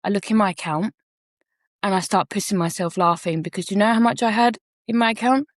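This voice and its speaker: A woman's voice: medium pitch, brisk, dry recording, studio quality. A woman co-hosting a podcast, telling a personal story frankly and reflectively and swearing casually. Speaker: podcast co-host.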